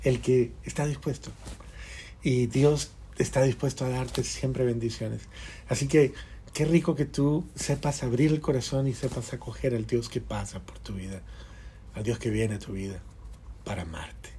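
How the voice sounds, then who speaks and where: A man preaching a fervent sermon, swinging between raised praise and hushed prayer. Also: medium pitch, fairly even intonation, normal speed, a little hiss or hum. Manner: fervent, sways from loud to hushed. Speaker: radio preacher.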